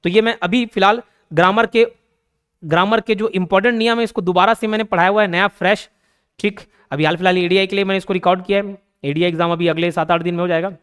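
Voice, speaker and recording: A young man with a Hindi accent teaching grammar, explaining patiently, repeating key points and reading English example sentences slowly. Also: high voice, steady tone, fairly bright tone, smooth. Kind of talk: grammar lesson.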